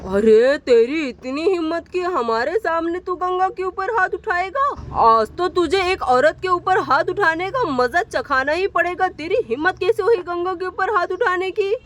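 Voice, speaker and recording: Woman voicing an indignant protective village man, high shrill voice, doll story. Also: lively intonation, a little slow, full character voice. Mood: outraged. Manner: indignant, shouting threats. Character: righteous angry village man, protective neighbor.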